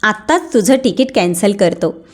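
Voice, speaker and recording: A woman's voice: medium pitch, sing-song, normal speed. A woman voicing a harsh, demanding grown son. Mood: angry. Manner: harsh, shouting at times.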